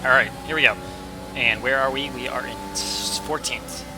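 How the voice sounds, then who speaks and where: A man hosting a casual let's-play, chatty and joking as he reacts out loud. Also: medium pitch, fairly even intonation, normal speed, loud music behind the voice. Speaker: gaming video host.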